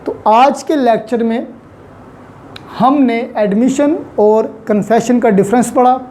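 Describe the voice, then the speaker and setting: A mellow, fairly high female voice moves at a slow pace, with a little hiss or hum in the recording. She is a law lecturer explaining material in Urdu-Hindi sprinkled with English legal terms, repeating central phrases to stress them.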